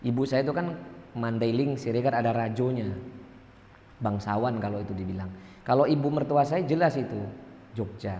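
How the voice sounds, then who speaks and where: A man's voice: mid-range voice, dark tone. A man with a Medan accent from North Sumatra, preaching to a mosque congregation in a conversational, joking way, asking them questions. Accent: Medan Indonesian. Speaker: ustadz teaching a mosque study circle. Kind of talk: sermon. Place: large mosque hall. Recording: echoey mosque hall with long reverb.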